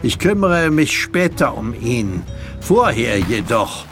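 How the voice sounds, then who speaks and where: A man's voice: medium pitch, sing-song, slow pace, music in the background. A man voicing a boastful, commanding Elizabethan sea captain who mocks a stranger. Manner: crowing, commanding.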